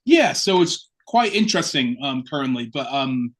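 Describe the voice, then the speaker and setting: Very animated and a bit bright, his mid-range voice moves at normal speed. The assistant curate from Chicago, a podcast guest, reflects openly on his story in a casual interview tone.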